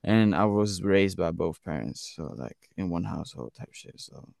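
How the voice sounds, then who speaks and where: This young Swiss guest artist has a low, darkish voice with vocal fry and lively intonation, moving at a moderate pace. In a casual interview chat he's laid-back and slangy, dropping "bro" into nearly every sentence. The recording is dry and studio quality.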